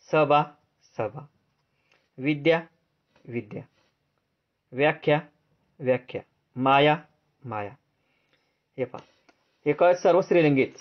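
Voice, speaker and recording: A man with a Marathi accent leads a grammar lesson, asking question after question and answering each one himself, his answers sinking lower and softer. His voice sits a little high, and the recording sounds dull and lo-fi. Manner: repetitive, drills with questions and answers; answers drop low and soft. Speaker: teacher. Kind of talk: grammar lesson for exam students.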